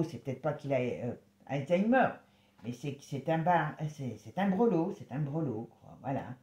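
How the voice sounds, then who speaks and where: A woman giving a casual tarot reading, chatty and exclamatory, sometimes dropping to a soft murmur. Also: deep voice, reverberant. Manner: chatty, exclamatory, halting with restarts; drops to a soft murmur when concentrating. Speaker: tarot reader.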